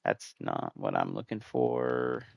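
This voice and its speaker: A man's voice: rumbling low, big pitch swings, takes it slowly, creaky, lo-fi sound. A man streaming a video game, rambling casually and chatting with his viewers as he plays. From United States. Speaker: gaming streamer. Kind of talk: casual gameplay commentary.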